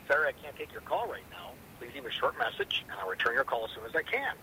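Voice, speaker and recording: A man's recorded answering machine greeting plays over the line. He rattles through it quickly and politely, in a routine tone. His voice sounds very bright, with a faint hiss behind it. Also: medium pitch, very animated. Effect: answering machine greeting heard down a phone line.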